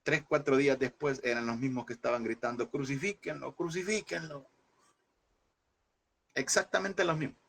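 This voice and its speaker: A man's voice: mid-range voice, lively intonation, quick pace, a bit bright. A man teaching a Bible class in a preaching style, emphatic and repeating phrases, often calling listeners brother.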